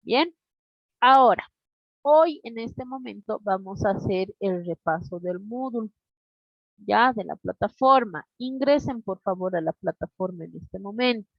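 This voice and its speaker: A woman teaching an online class over a video call, deliberate, constantly checking in with her students. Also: mid-range voice, lively intonation, gravelly, no room sound. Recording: dull lo-fi online class audio.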